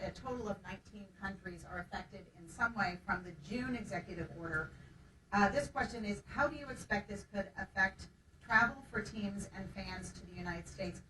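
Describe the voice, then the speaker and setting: A woman moderating a press conference panel, reading out questions with halting pauses and fillers. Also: mid-range voice. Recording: echoey room, distant mic, background noise.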